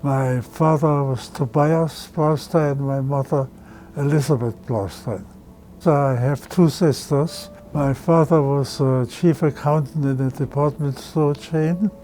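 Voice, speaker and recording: A man's voice: on the high side, fairly even intonation, unhurried, dark tone, soft background music, low-quality recording. A man in his nineties from Germany, recounting his childhood plainly and matter-of-factly in an oral history interview. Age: 90s. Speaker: Holocaust survivor interviewee.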